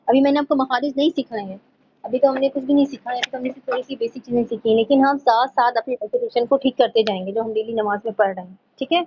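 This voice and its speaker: Woman teacher for an online lesson, fairly high voice, dull lo-fi sound, slow reading of points, frequent check-ins. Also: a little hiss or hum. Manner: explains in Urdu, reads English points slowly from slides; checks in often with "theek hai". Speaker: tajweed teacher.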